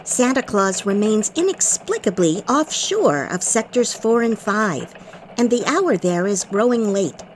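A woman playing a female elf news anchor in a mock radio newscast, with crisp anchor delivery. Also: medium pitch, lively intonation, unhurried, slight background noise, lightly acted, poor audio. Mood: poised, formal.

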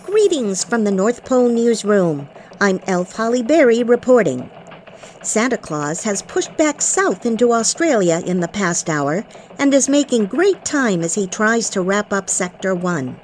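A cheerful elf news anchor, voiced by a woman, reads a mock radio newscast. Her newsreader delivery rises and falls widely in pitch. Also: very animated, measured pace, a little mellow, slight background noise, low-quality recording.

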